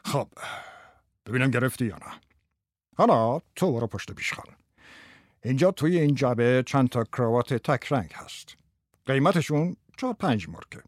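A swaggering older salesman bursts through his lesson, talking fast and teasing his pupil, as a man puts him on in an audiobook. He swings between loud showy patter and low coaching asides. The sound is close and dry with no room around it. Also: no room sound, lightly acted. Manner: lively, fast coaching banter. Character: brash older male tie salesman teaching a boy. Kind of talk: audiobook character voice.

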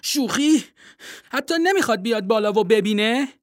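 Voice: medium pitch, dry recording, studio quality, pitched above the performer's own voice, natural voice. A storybook reader voicing a ten-year-old girl turned into a furious, sarcastic penguin. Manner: furious, sarcastic, splashing and threatening. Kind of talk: storybook reading.

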